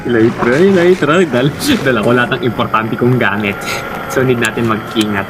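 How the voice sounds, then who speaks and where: A gaming host, giving excited, shouted callouts while playing with friends. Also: medium pitch, moderate pace, over music. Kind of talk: live gameplay commentary with friends.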